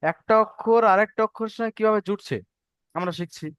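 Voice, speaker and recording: High-voiced man teaching letters online. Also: quick pace, a bit bright, smooth, no room sound, muffled recording. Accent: Bengali. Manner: patient, repeats and checks understanding. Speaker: Arabic script teacher. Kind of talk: online class instruction.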